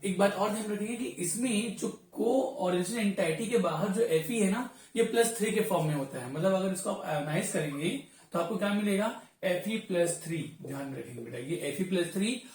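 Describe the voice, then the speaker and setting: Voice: medium pitch, darkish tone. A teacher giving a classroom chemistry lesson, calling students "beta" and often checking that they follow. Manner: addresses students as 'beta', often checks understanding. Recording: very echoey room, voice far from mic.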